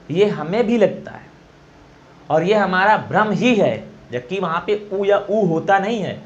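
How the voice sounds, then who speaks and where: A Hindi exam teacher with a high-sitting voice explains pronunciation in classroom style, patiently repeating sounds aloud to demonstrate them. The recording is muffled.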